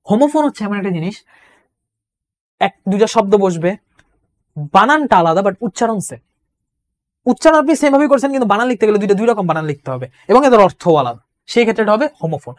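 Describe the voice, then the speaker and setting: A woman gives an exam-prep English lecture, explaining patiently, repeating key points and reading example sentences slowly. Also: medium pitch. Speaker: English tutor.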